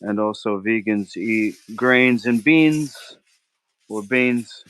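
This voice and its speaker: A fairly low, somewhat bright male voice speaks slowly on a low-quality recording with no echo. Hosting a live cooking stream, he rambles casually in slang, argues with his viewers as he cooks and keeps saying "bro."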